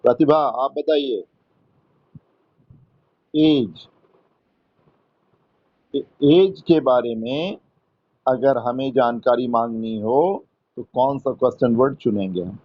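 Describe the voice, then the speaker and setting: A man teaching an English lesson, quizzing students one by one in a patient, coaxing, gently teasing way. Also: mid-range voice, slow pace, pauses often, dull audio. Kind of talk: online class quizzing students.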